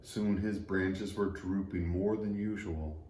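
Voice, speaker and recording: This storybook reader for church children has a low, mellow male voice and narrates a scripted kids' story slowly, in a steady tone. Faint background noise and room echo are audible.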